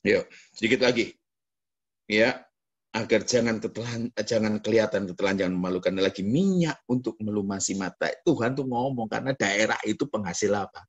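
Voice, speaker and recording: A man with a Javanese accent preaching a lively sermon as pastor, jumping into mock voices and quoted asides. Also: lowish voice, a little fast, slightly rough, muffled recording.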